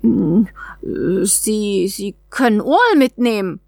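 A woman's voice: medium pitch, animated, takes it slowly, gravelly, dark tone, dry recording, studio quality, heavily acted. A woman voicing a hesitant young boy who stammers and sounds unsure of himself.

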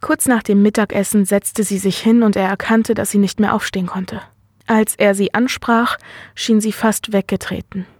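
A woman reading a novel aloud in an even, measured way as audiobook narration. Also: medium pitch, no room sound, clean studio sound.

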